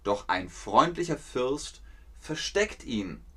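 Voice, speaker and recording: A male teacher explains history to learners at an unhurried pace. His pitch leaps around expressively, and he acts out scenes with sound effects and repeats key phrases. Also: sing-song, bright, forceful tone, husky. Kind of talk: slow, playful explanation for learners.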